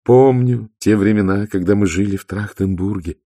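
A man's voice: fairly low pitch, mellow, no room sound, clean studio sound. A man voicing the middle sister, a wistful woman who drawls dreamily. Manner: dreamy, drawn-out. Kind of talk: audiobook character voice.

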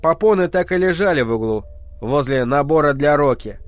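Give me a man narrating a novel with measured, expressive delivery and faint background music. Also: fairly high pitch. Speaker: audiobook narrator. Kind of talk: scripted narration.

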